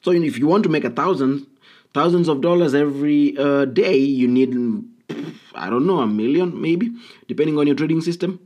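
A man's voice: fairly high pitch, normal speed, darkish tone. A man hosting a solo podcast, talking casually and bluntly with frequent ums and uhs. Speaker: podcast host.

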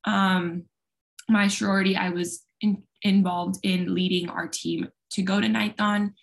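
Speaking at a measured pace with little pitch movement, this young woman has a gravelly, medium-pitched voice. Her first language is Spanish, and she chats casually about college, rambling with plenty of fillers.

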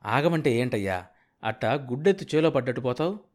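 A man voicing an excited, scheming male village middleman who talks in a loud, high, insistent way. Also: fairly quick, close to an everyday voice. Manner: shouting, high-pitched and insistent.

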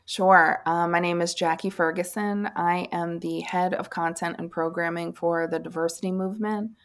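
A woman speaking as an interview guest in a measured, professional way. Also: fairly low pitch, fairly even intonation. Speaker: podcast guest and diversity executive. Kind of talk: interview talk.

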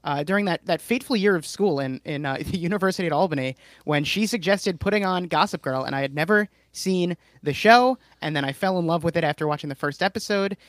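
A man's voice: on the high side, quick pace, few pauses, a bit bright, no echo. A man hosting a podcast in casual chat, rambling and teasing as he talks. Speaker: podcast host.

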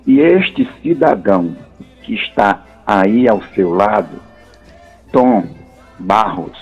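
A man's voice: fairly low pitch, darkish tone. A middle-aged man calls in over the phone, speaking formally and courteously. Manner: formal, courteous and full of praise. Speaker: caller, radio broadcaster. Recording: dull phone-line sound.

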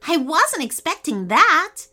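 A woman's voice: sits high, very animated, slow, pushed and bright, pitched above the performer's own voice, exaggerated voice. A woman voicing a cautious, earnest young boy in a children's storybook. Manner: earnest, unsure. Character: young boy, thoughtful and cautious older brother.

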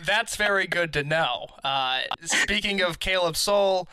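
A man's voice: high voice, unhurried, noisy background. A man hosting a podcast, asking questions in a wry, joking, chatty way. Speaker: podcast host. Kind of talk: casual interview chat.

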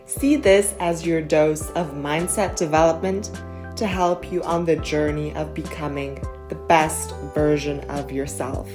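Over background music, a woman with a deep, steady voice speaks a little slowly as she hosts a self-help podcast from her home in Germany. She has a cold, and her talk is casual, gentle and affectionate, rambling along with plenty of fillers.

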